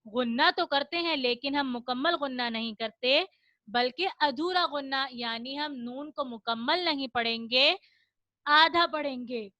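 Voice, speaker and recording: Female tajweed teacher, high bright voice, slow patient delivery, dry close sound. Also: no room sound, muffled recording. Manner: explains rules, then chants verses slowly for repetition. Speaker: Quran recitation teacher. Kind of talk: online children's tajweed lesson.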